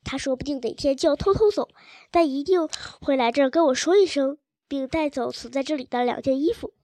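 A woman's voice: sits high, brisk, darkish tone, no room sound, lightly acted. A woman voicing a stubborn, resentful little girl in a story reading. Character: unhappy determined little girl.

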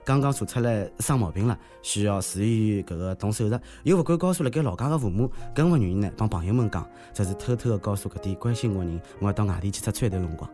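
A man's voice: on the low side, animated, fast, few pauses, mellow, faint music behind. A man with a Shanghai accent hosting a podcast, giving humorous news commentary in a joking, teasing manner. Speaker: host of a comedy news podcast.

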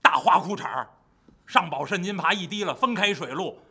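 Give me a lively male storyteller with a bright, forceful, high voice. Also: normal speed, breathy edge. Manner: lively, animated, addresses the audience. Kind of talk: traditional storytelling performance.

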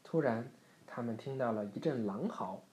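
A man reading a bedtime story aloud to a child in a gentle, steady narrating voice. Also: mid-range voice, moderate pace. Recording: roomy echo.

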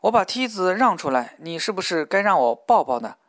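A man's voice: high-pitched, sing-song, a little fast, fairly bright tone, no room sound, studio quality. Audiobook: male reader voicing a crude, leering middle-aged worker, pushy and wheedling.

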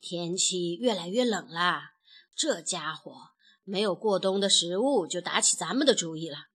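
A woman voicing a calm, sensible young hen who explains and reassures in a children's story. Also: on the low side, moderate pace, husky, pitched below the performer's own voice. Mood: explaining.

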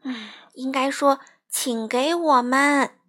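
A woman as a warm, busy storybook mother. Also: high-pitched, animated, normal speed, exaggerated voice. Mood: patient. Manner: gentle, praising, motherly.

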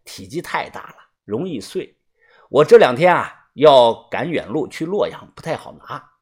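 A man telling a first-person story for an audiobook with a husky, slightly raspy voice. His pitch sits a little high and moves a lot. He talks in a chatty, relaxed way, stretching out small filler syllables. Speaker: audiobook narrator.

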